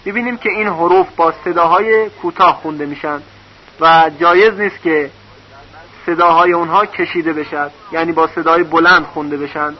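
Patient male teacher with a high voice, sounding out syllables slowly in a recorded lesson; muffled, lo-fi sound. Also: fairly even intonation. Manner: patient, spells out syllables one by one. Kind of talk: recorded lesson on reading vowel marks. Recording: dull lo-fi recording.

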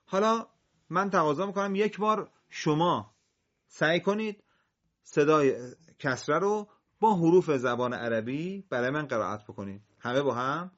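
A man teaching Quran recitation, drilling Arabic letters slowly and carefully with a class. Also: a little high, animated, fairly bright tone, dull audio. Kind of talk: classroom lesson with call and response.

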